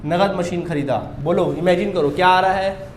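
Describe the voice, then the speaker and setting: A man's voice: sits high, moderate pace, reverberant, a little hiss or hum. A man teaching a commerce class, drilling students with repeated questions and answers. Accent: Chhattisgarhi Hindi. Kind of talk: classroom lecture.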